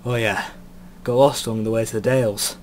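A man's voice: lowish voice, fairly even intonation, a little fast, a little mellow, a little hiss or hum, natural voice. A man voicing a plain-spoken young country lad with a Northern English accent while reading a visual novel aloud. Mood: grumbling. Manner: rough Ned-Stark-like northern delivery.

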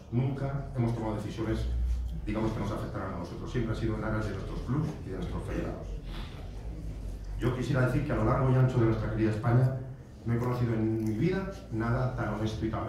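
A man's voice: medium pitch, warm tone, distant mic. A middle-aged man giving a heartfelt farewell speech at a podium, repeating phrases and adding asides. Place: large stone-walled banquet hall. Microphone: podium microphone, recorded by a far camera. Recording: echoey hall recorded from afar, noisy.

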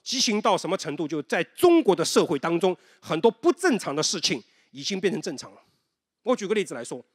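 A man with a high-pitched voice delivers a sermon from a church sanctuary, and long reverb trails after his words. He talks like a storyteller, throwing rhetorical questions at his listeners and dropping in the odd English term. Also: sing-song, a little fast, breathy edge. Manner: mixes in English terms. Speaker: pastor.

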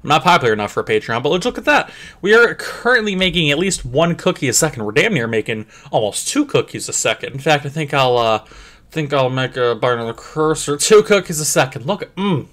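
A young man rambles through a clicker game in crude, profane, joking commentary. His pitch swings all over the place and often jumps into a squeaky high voice for a gag. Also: very animated, a little fast, fairly bright tone. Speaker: gameplay commentator. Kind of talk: comedic let's play commentary.

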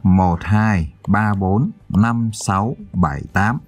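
A man's voice: fairly low pitch, slow, faint music behind. A male teacher giving a primary school math lesson, counting aloud and asking his pupils check questions.

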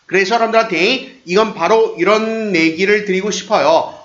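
A man teaching an English lesson in Korean, upbeat, drilling short phrases slowly and over and over. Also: high-pitched, fairly bright tone, reverberant, highs cut off.

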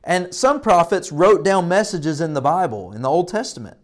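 Here a thirties-aged man teaches kids a Bible lesson, his high, animated voice moving at a normal pace. Broad and singsong like a presenter, he leans on emphatic repetition and call-and-response. A lapel mic captures him in an indoor children's church classroom.

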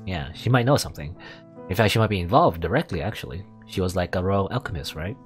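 A man's voice: low voice, expressive, fast talker. A man reading a visual novel aloud as a let's play host, adding asides and now and then correcting his stumbles. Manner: stumbles over words and corrects himself. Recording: music behind the voice.

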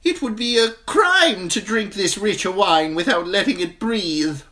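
Squeaky fawning wine seller, sing-song hawking, big swoops, bright edge. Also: male voice, lively intonation, unhurried, heavily acted. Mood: sullen. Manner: high theatrical hawking cry, drawn out. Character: small flamboyant male wine merchant, wheedling salesman.

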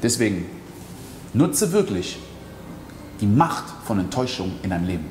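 In an echoey hall with faint background ambience, a male mindset coach speaks directly to the listener in a motivational monologue full of emphatic rhetorical questions. His lowish, slightly mellow voice is very animated and moves at a moderate pace, and a little hiss or hum is audible.

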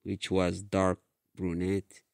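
A man reading his own story aloud in a slow, halting way with restarts. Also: deep voice, completely flat delivery, vocal fry, a little mellow, no room sound, clean studio sound. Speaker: author reading his book. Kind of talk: storybook narration.

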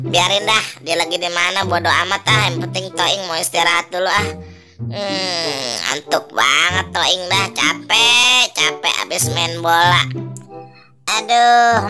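A woman's voice: on the low side, natural voice. A woman voicing Toing, a lazy, grumbling male ondel-ondel puppet who teases his crying friend. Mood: drowsy. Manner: grumbling, teasing, bossy.

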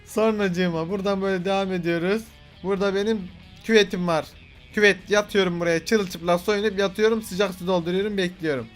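A man's voice: high-pitched, steady tone, a little fast, faint music behind. A young man doing playful, boastful gameplay commentary, joking and swearing at the game characters. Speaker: gaming video host.

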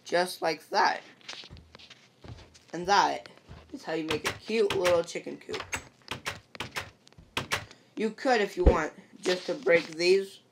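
Slow, gravelly woman explaining a game. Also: on the low side. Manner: patient instructions, repeats "perfect" and "see?". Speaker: game tutorial maker. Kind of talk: step-by-step game tutorial voice-over. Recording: noisy home recording with clicks.

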